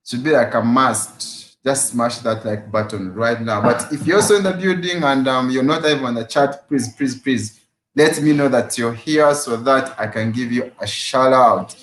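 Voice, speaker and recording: After work, a man hosts a casual fitness livestream from his room at home, energetically greeting viewers by name and repeating his phrases. His voice is medium-pitched and fairly bright, at normal speed, and the room sounds echoey.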